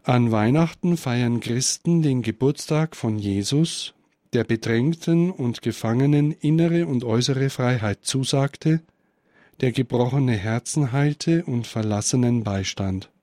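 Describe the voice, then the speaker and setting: A man giving a spiritual Christmas reflection and reading a story aloud, in a measured, contemplative way. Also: mid-range voice, warm tone, dry recording, studio quality. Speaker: spiritual speaker.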